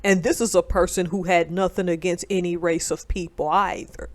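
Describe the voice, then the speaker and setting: A woman from North Alabama, United States, a military veteran and commentator, gives a casual monologue of emphatic commentary. Her voice is on the low side with fairly even intonation at normal speed, and her manner is conversational and digressive.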